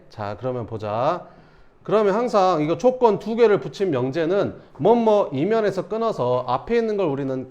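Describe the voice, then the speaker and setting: A male math teacher giving a casual classroom lecture, often pausing to check that students follow. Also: on the high side, a little mellow.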